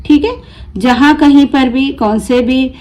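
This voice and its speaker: A young adult woman teaching vocabulary, sounding out each word syllable by syllable in slow, drawn-out drills with quick explanations in between. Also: high-pitched, a little mellow. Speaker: Urdu teacher. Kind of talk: spelling out words syllable by syllable.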